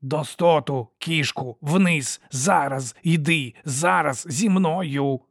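Wry male doctor, read by a man: brisk, coaxing, a touch higher. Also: vocal fry, no echo, clean studio sound, heavily acted. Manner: coaxing, spelling things out simply.

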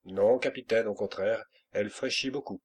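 A man's voice: on the low side, normal speed, husky. A man reading an audiobook, voicing a stubborn, loyal ship's boatswain who repeats himself insistently. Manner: dogged, insistent.

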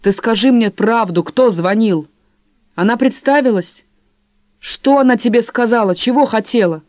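A woman's voice: a little high, normal speed, darkish tone, no echo, close to an everyday voice. A woman voicing a nervous, evasive husband who snaps defensively. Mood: tense. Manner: tense, defensive, snapping. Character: nervous, evasive husband, middle-aged man. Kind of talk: audiobook character voice.

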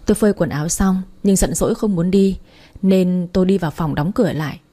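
Woman narrator, first-person story reading, husky voice, dark mellow tone, even manner. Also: lowish voice, brisk.

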